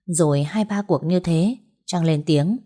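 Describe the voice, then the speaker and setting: A woman narrating an audiobook story in a steady, unhurried way. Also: lowish voice.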